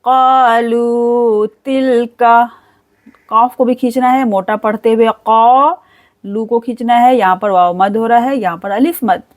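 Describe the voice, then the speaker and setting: In this step-by-step Quran lesson, a woman with a higher-than-average voice spells out the letters and then draws out each word in slow recitation.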